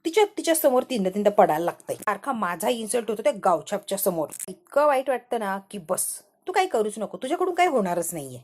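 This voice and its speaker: A woman's voice: mid-range voice, sing-song, quick pace, few pauses, darkish tone. A woman voicing a spoiled young woman who taunts and scolds her grandmother with heated mockery. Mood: scornful. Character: spoiled, sharp-tongued young woman, scornful.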